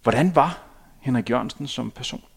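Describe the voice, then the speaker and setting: Interviewer, male, gravelly voice, steady questioning in a studio. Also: medium pitch. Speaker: podcast host.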